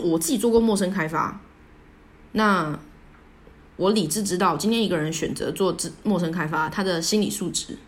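Halting young woman, lowish voice. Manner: halting, self-deprecating, many restarts. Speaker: podcast host. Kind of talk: personal storytelling monologue.

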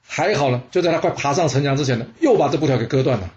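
Guy telling an old war tale, super animated, lots of wow and what happened next. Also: medium pitch, very fast, muffled recording. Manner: exclamatory, dramatic, rhetorical questions. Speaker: storyteller. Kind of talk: lively historical storytelling.

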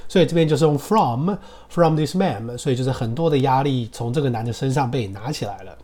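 A man with a Taiwanese Mandarin accent teaching English casually, drilling words slowly and laughing as he goes. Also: medium pitch, dark tone. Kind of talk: casual podcast English lesson. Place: hot room with motorbike traffic outside.

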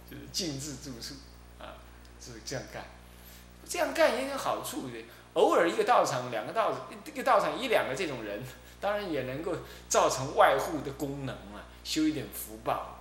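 A Buddhist abbot with a Taiwanese Mandarin accent tells anecdotes in a dharma talk. His pitch leaps and falls very freely. He chuckles often, and the room is echoey with a faint hum. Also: fairly bright tone. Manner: chatty storytelling with frequent chuckles. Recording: roomy echo with faint hum.

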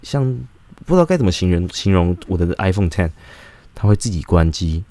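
A man's voice: low-pitched, big pitch swings, a little fast, dark tone, no echo. A young man tells a rambling personal story in a casual vlog, full of fillers and restarts.

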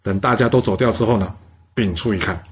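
A man telling a historical tale in a lively, colloquial way. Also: fairly low pitch, breathy edge, lo-fi sound. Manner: lively, colloquial, with many drawn-out particles. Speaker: storyteller. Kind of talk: historical storytelling.

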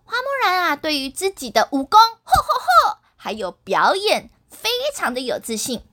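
A woman narrating a children's story in an animated way, speaking directly to the children. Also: high voice, normal speed, no room sound, studio quality.

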